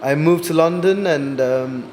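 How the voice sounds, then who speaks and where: A man's voice: on the high side, a little slow, darkish tone, slight background noise. A man in his twenties, a music artist guest on a podcast, telling his story thoughtfully with frequent hesitations. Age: 20s. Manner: thoughtful, hesitant with many ums. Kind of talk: casual interview chat.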